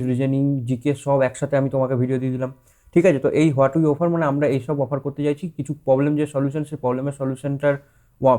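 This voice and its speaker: A man's voice: medium pitch, warm tone. A male teacher speaking Bengali-accented English loanwords in a casual explanatory talk, rephrasing often and checking in with his students. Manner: conversational, many fillers and rephrasings, checks in with students. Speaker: teacher introducing a course.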